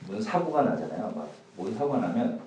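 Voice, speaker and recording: A man's voice: fairly low pitch, very animated, brisk, far from the mic, a little hiss or hum. Man preaching casually in an echoey church hall. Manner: chatty, jokes with the audience, swings loud and soft. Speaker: youth pastor. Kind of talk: casual youth sermon.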